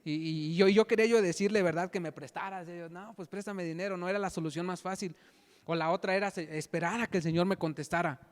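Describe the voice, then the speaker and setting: A man's voice: high voice, steady tone. Young man preaching in an echoing hall. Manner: halting, repeats words, frequent "¿verdad?". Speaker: lay preacher giving testimony. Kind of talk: sermon testimony. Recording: long hall reverb.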